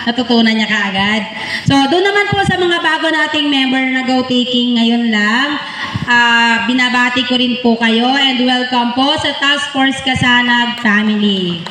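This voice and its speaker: A woman's voice: a little high, measured pace, pushed and bright. A Filipino woman giving a motivational ceremony speech to trainees, rallying her listeners and checking in with short tag questions. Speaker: volunteer organization officer giving a graduation address. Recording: echoey hall with long reverb, faint noise.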